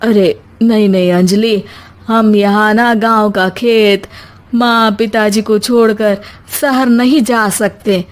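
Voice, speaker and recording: A woman voicing a gentle young village husband in a story, speaking in a soft, reassuring way. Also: mid-range voice, fairly even intonation, slow, close to an everyday voice. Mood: reluctant, gentle.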